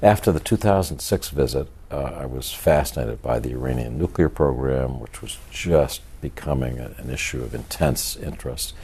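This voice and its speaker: Older male author, interview register: extremely low, husky, monotone, measured delivery with thoughtful hesitations. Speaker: author and journalist being interviewed. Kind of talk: reflective interview talk.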